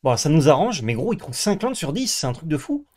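A man's voice: fairly high pitch, very animated, a little fast, a little mellow. A man with a French accent playing a card game on stream, narrating his own moves, grumbling and joking. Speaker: co-host. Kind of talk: casual gameplay commentary.

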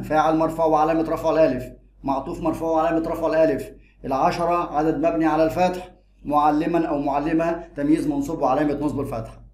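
A man's voice: a little high, echoey room. A man with an Egyptian accent teaching an Arabic grammar lesson, repeating and drilling each rule as he goes. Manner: lively, repeats and drills rules.

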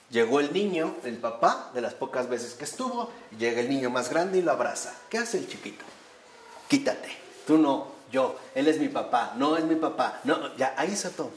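A man's voice: medium pitch, a little hiss or hum. Man lecturing in a roomy hall. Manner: explanatory, often adds tag questions. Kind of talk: talk to a live audience. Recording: roomy echo with faint ambience.

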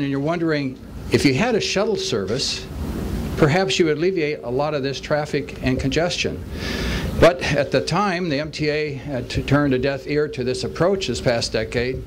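An older man from Los Angeles, a county official giving a folksy public speech at a podium outdoors. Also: fairly high pitch. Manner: folksy, with baseball metaphors. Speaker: county supervisor. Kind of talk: public speech at a press event. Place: outdoors at a stadium lot beside a bus. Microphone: podium microphone. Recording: outdoor noise in the background.

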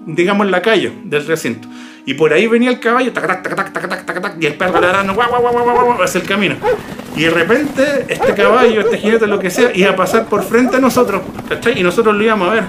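A Chilean man casually telling a personal ghost story, lively and full of slang, imitating sounds as he goes. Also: high-pitched. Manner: animated, imitates barks and hoofbeats, slangy. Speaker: YouTuber telling ghost stories.

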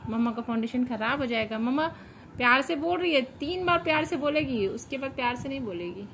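A mother speaking to her small daughter in a family home video, her voice sitting a little high and sounding sharp and bright. She pleads sweetly and repeats herself, mixing fond pet names with playful warnings. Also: lively intonation, brisk, slight background noise. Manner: sweet-talking, repeating pleas, half-joking warnings. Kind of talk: family vlog, coaxing a small child.

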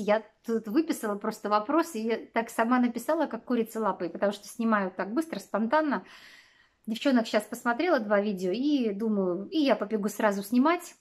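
A woman in her forties from Russia chatting casually to camera in a rambling way, full of fillers and small laughs, in a small wood-panelled room. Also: a little high. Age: 40s. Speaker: vlogger.

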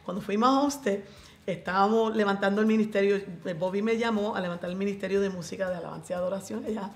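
A Puerto Rican woman giving a lively faith testimony as a radio guest, acting out the voices in her story and slipping into English. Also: mid-range voice, quick pace, roomy sound. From Puerto Rico. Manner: animated storyteller, acts out quoted voices, mixes in English.

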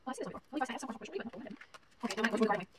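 A woman's voice: a little high, lively intonation. Chatty young woman gushing over mail. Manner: chatty, gushing, reads letters aloud haltingly. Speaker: vlogger. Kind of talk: casual unboxing chat. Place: small home room, indoors.

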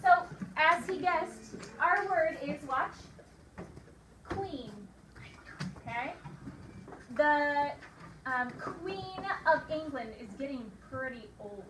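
A woman teacher leading a phonics dictation lesson, modeling each word slowly sound by sound and giving clear, encouraging prompts to the children. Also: high-pitched, animated. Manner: slow, sound-by-sound modeling of words. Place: classroom. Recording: echoey room, distant mic, loud hiss.

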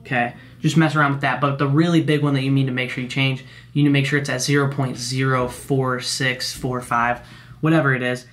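A young man casually teaching video editing step by step, explaining each click in a relaxed, slangy way while recording his screen at home. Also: medium pitch, a little fast. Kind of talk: screen-recorded software tutorial.

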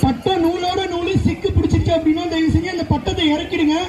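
An event announcer at an outdoor seaside festival, giving firm, polite safety instructions over a loudspeaker public address. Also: very high-pitched, flat delivery, quick pace. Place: outdoor festival ground by the sea. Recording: echoey loudspeaker amid crowd and music. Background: crowd chatter and music.

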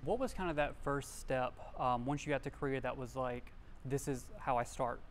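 A man's voice: medium pitch, normal speed, a little hiss or hum. Man asking interview questions. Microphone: lapel mic.

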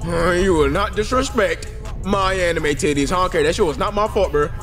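A man voicing an excitable, boastful young man in a slangy, profane, overacted anime dub parody. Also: sits high, fairly quick. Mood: indignant. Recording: loud music behind.

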